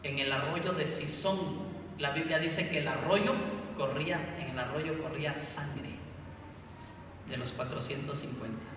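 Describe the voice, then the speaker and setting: Chiapas preacher in an echoey hall. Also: male voice, on the high side, fairly even intonation, a little slow, bright, forceful tone. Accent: Chiapas Mexican. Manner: storytelling, addresses listeners as hermanos. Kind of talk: sermon. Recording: echoey hall, distant mic, faint noise.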